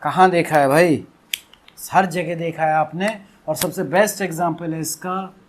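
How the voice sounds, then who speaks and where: Young guy with a high voice teaching hindi script, slows way down to sound out syllables. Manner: explains slowly, drawing out syllables for pronunciation drills. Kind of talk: classroom-style lesson explanation.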